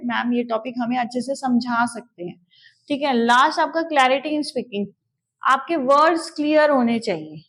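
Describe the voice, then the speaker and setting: Indian woman teacher, high voice, methodical lecture, answers her own questions, drops in English terms. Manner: explains step by step, asks questions and answers them herself; mixes English terms into Hindi. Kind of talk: online exam-prep lecture.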